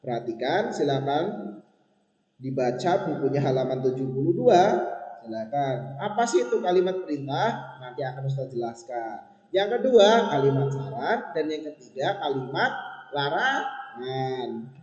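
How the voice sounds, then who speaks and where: A man's voice: mid-range voice, sing-song, measured pace, a little mellow. A young man teaching a recorded school lesson to his pupils, patient and instructive, repeating points and checking that they follow. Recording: echoey, reverberant room, dull lo-fi sound.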